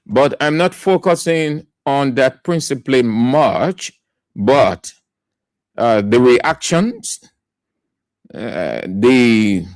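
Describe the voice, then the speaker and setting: A man's voice: mid-range voice, dry recording. A Liberian man hosting a radio talk show, giving emphatic political commentary and repeating key words for stress.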